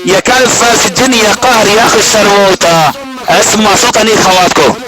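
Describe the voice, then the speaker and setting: A man's voice: high-pitched, fast talker. A man with a Levantine Arabic accent in a voice-chat room, who keeps up a repetitive, jeering stream of abuse over a phone app. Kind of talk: taunting insult rant. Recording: heavy background noise.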